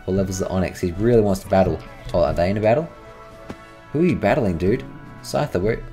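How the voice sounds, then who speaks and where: Man for let's-play commentary, a rambling chatterbox with a deep, warm tone over soft background music. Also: expressive, quick pace. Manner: chatty, rambling, talks to his game creatures. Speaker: gaming channel host.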